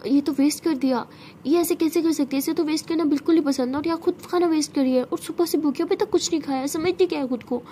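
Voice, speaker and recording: A woman's voice: a little high, fairly even intonation, a little fast, warm tone, slight background noise, natural voice. A woman voicing a young woman who frets and exclaims in frustration, in a storytelling narration. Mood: upset. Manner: upset, exclaiming. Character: young woman, worried and easily angered.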